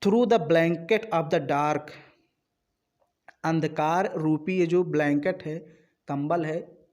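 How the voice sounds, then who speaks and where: A man teaching a play line by line, reading each English line slowly and then explaining it at length, often checking in with "ok". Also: on the high side, darkish tone. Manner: repeats words and checks in with "ok". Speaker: literature teacher.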